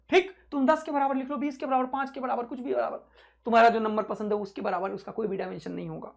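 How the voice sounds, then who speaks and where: A male physics teacher giving an exam-prep lecture, energetic and rousing, repeating key points to his students. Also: high voice, creaky.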